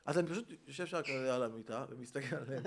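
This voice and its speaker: A man's voice: mid-range voice, a little hiss or hum. A man, a comedian, telling a comic story in casual chat and acting out the people in it. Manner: animated, acts out the people in his story. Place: rooftop.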